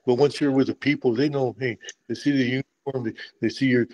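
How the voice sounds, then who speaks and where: An older retired Special Forces medic from Texas, USA, appears as a guest and tells stories in a relaxed conversational interview. He talks fast in a mid-range voice, often restarting, repeating words, and saying "man." The recording is rough.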